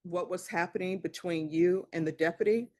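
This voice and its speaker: A woman judge speaks from the bench in a firm, measured way. She sets out orders plainly and lectures with steady authority. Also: fairly low pitch. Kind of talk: courtroom proceedings. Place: courtroom.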